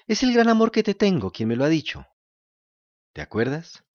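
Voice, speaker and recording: A man voicing a kind, patient, motherly fairy woman who speaks softly and scolds gently. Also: a little high, normal speed, dry recording, muffled recording, pitched above the performer's own voice. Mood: gentle. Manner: calm soft-spoken, gently scolding.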